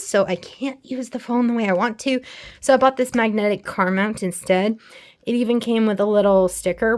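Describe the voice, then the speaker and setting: A woman giving a chatty, candid product review while sitting on an exercise bike at home, a little out of breath. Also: medium pitch. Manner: chatty, candid, self-deprecating. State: slightly out of breath from pedaling. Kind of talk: casual product review vlog.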